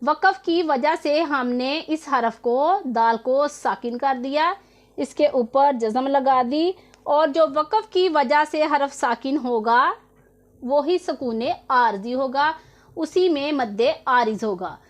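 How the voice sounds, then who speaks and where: A woman's voice: sits high, takes it slowly. A woman teaching Quran recitation rules in an online tutorial, explaining patiently step by step and repeating each rule.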